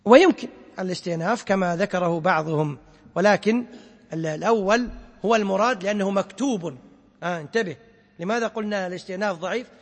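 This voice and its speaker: High-voiced man teaching in a hall. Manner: quizzes students and recites quoted verses slowly. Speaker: sheikh teaching a class. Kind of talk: classroom lecture explaining a poem on Quran sciences.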